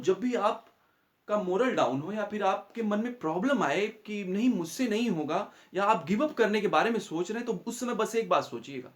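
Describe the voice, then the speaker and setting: A young man, a maths teacher, giving a motivational talk to students, earnestly acting out what neighbours say. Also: high voice. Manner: earnest, acts out neighbours' taunts and warnings.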